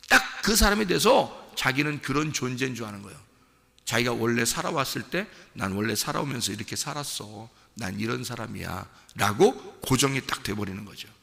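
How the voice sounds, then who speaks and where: A male pastor preaching a sermon, swinging from low murmurs to shouted peaks and acting out the inner voices of his listeners. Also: creaky. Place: church sanctuary. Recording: long church hall reverb.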